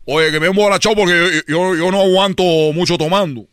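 Here is a man doing an easygoing Cuban fellow, a chatty Caribbean type with a bright, forward tone. The voice sits fairly high and sounds dry and close. It has a loose, mock-casual drawl. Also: fairly even intonation, fast talker, no echo. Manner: parodic put-on drawl.

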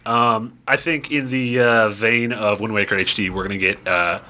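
A man's voice: fairly low pitch, fairly even intonation, normal speed, pushed and bright. A man co-hosting a casual podcast, hesitant, with many fillers and restarts. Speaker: podcast co-host.

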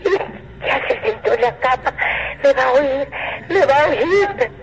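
Sobbing woman caller, very high voice. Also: lively intonation, unhurried, low-quality recording. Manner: sobbing, pleading, breaking into cries. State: crying. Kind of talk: frightened phone call.

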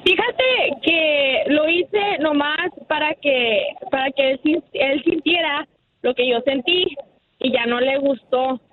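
A woman calls in to a radio show and speaks haltingly with frequent restarts. Her voice is high and comes through a thin, tinny phone line. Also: a little hiss or hum. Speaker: caller.

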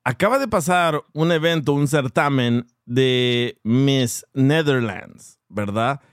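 A man hosting a radio chat, reacting with quick laughs and steering the talk. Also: mid-range voice, clear, resonant tone, dry recording, clean studio sound. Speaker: radio host. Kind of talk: casual chat.

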